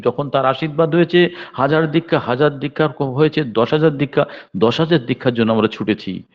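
A man in his seventies giving a devotional sermon, telling stories with sudden emphatic raised bursts. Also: mid-range voice. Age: 70s. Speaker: devotional speaker. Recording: dull lo-fi recording.

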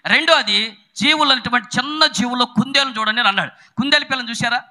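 A middle-aged male preacher, delivering a sermon with sudden shouted bursts and chatty storytelling. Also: very high voice, fast talker.

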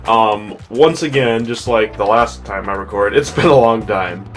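A man's voice: fairly low pitch, measured pace, a bit bright. A young man giving casual, rambling, self-deprecating gameplay commentary as a let's play host. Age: young adult. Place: small bedroom at home. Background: video game music.

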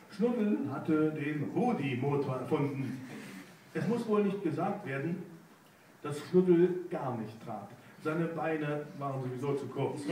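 A man reading a children's story aloud at sight, unhurried and playful. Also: a little high, mellow. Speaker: reader. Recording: echoey room, mic far off.

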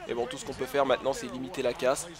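A man's voice: medium pitch, fast, a crowd in the background. A man giving live commentary over a basketball video game, egging on his team and scolding himself when plays go wrong. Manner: excitable, swings between cheering and cursing frustration; coaches his teammates aloud, self-critical. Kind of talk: live let's-play commentary.

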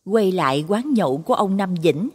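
Brief: female storyteller, dramatic scripted narration, breathy tone, reverberant sound. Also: mid-range voice, animated, moderate pace, darkish tone. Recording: long reverb on voice.

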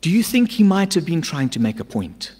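Middle-aged guy preaching at a pulpit mic, voice sits a bit high, jumps all over, big echoey church hall. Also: very animated, fairly quick, breathy edge. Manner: emphatic, swings between loud urgent lines and hushed asides. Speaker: pastor. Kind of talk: sermon. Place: church stage. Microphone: stand mic at a pulpit. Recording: long church-hall reverb.

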